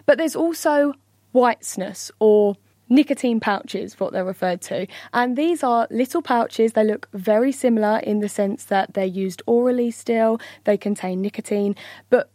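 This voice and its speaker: A woman's voice: on the high side, measured pace, dark tone, dry recording. A woman, a health reporter, explaining things in a chatty way with fillers in a studio interview. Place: radio studio.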